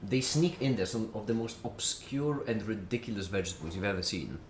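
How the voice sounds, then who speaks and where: A low-voiced man chats on a live stream, his pitch swinging up and down as he talks. He is eating as he goes, often with his mouth full. The room echoes around him, with a faint hum behind. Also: lively intonation, brisk. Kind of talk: casual live-stream chat.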